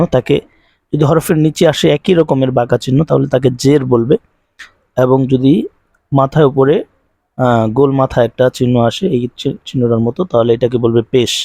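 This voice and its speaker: Male teacher with a Bangladeshi Bengali accent, mid-pitched, dry close sound; brisk explanations, slow repeated syllable drills. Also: fairly even intonation, dark tone, no room sound. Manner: quick explanations, slow drawn-out recitation drills. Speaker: Quran reading teacher. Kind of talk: recorded online lesson.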